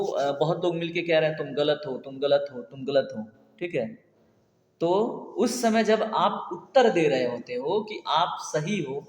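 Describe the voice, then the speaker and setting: A man teaching Hindi spelling for an exam, chatty and quizzing his viewers, often checking they follow. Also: on the high side. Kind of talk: online exam-prep lesson. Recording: echoey room with long reverb.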